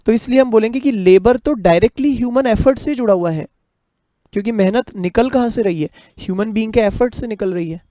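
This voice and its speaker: A man teaching a commerce lecture, explaining in Hindi mixed with English, reading the text aloud slowly and asking rhetorical questions. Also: sits high, mellow, no echo, studio quality. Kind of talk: classroom lecture.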